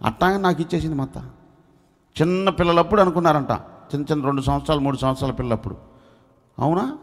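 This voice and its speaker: Male pastor, coastal Andhra Telugu accent, high voice, revival sermon, alternates soft prodding with shouted prayer, long hall echo. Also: quick pace.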